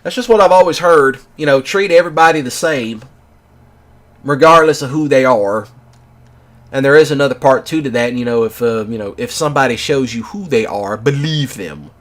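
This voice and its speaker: Brief: male vlogger, 30s, mid-pitched, casual and rambling, leans on "you know" constantly. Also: moderate pace. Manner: rambling, filler-heavy with many "you know"s. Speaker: gaming channel host. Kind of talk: casual storytelling monologue.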